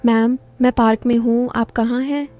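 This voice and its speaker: A woman's voice: a little high, steady tone, normal speed, warm tone, lightly acted. A woman voicing a shy, lovestruck young man who visits a doctor, speaking in a hesitant, bashful way.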